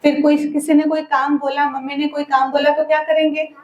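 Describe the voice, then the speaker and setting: A woman with a high voice holds a lesson for a group of children and tells them a story. She keeps throwing quick questions at them and waits for the answers. She draws out key words in a sing-song way. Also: level tone. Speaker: spiritual teacher at a children's summer camp.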